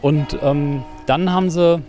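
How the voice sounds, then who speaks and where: A man's voice: fairly high pitch, steady tone, slow pace, mellow, slight background noise. A man hosting a casual podcast, explaining things with frequent tag questions while he is out running outdoors. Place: outdoors, on the move.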